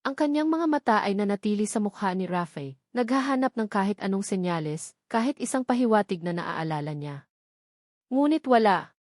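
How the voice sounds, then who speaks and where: A woman with a mid-range, slightly mellow voice reads a dramatic scripted narration of a romance story. Her intonation is lively and her pace moderate, captured in a dry, clean studio recording.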